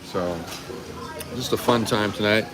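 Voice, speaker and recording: A man in his fifties hosts a live stream from a busy restaurant, chatting casually and rambling a bit at a measured pace. He's recorded on a phone held at arm's length, and the rough recording picks up restaurant chatter and rumble behind him.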